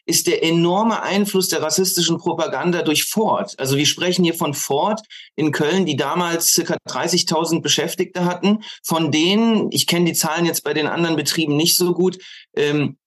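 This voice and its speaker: A podcast guest, a man with a fairly high, fairly bright voice, talks through politics analytically. He picks academic words deliberately and pauses hesitantly.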